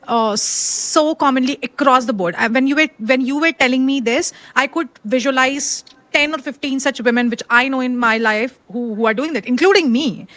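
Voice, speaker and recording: A woman hosting a podcast interview, her voice sitting fairly high. She asks her questions with many fillers and small hesitations, and the sound is close and dry. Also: fairly bright tone, dry recording. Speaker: podcast host.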